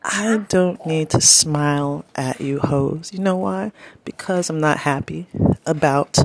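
A woman rambling through a casual personal vlog, talking to herself and breaking off now and then. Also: sits low. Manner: rambling, self-talking, talks to her baby in between. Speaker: vlogger.

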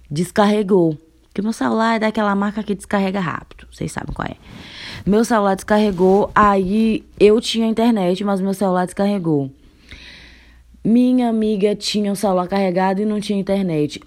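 A young woman from Brazil telling a funny personal story in a casual vlog, laughing often and acting out the dialogue. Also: mid-range voice. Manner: animated, laughing, acts out the dialogue.

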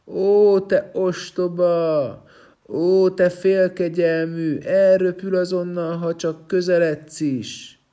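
A man voicing a crowd of jeering, menacing male stone men who shout mocking threats in a storybook tale. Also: high voice, fairly even intonation, smooth, pitched above the performer's own voice, natural voice.

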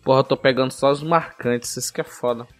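A man's voice: mid-range voice, steady tone, fast, fairly bright tone. Man, Brazilian accent, casual quiz chat, swears often, laughs a lot, faint music. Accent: Brazilian Portuguese. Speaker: quiz player.

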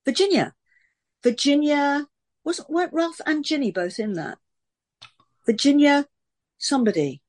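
Actress with a posh southern English accent, animated and chatty, telling stories in an interview. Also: female voice, high-pitched. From Sunderland, England. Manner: lively, animated storytelling with quick voice switches. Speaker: actress and voice artist. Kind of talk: casual interview chat.

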